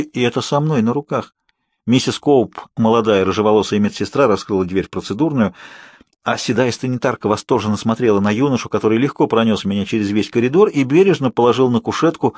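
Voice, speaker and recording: A man narrating an audiobook in a measured, even reading. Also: mid-range voice, dry recording, clean studio sound.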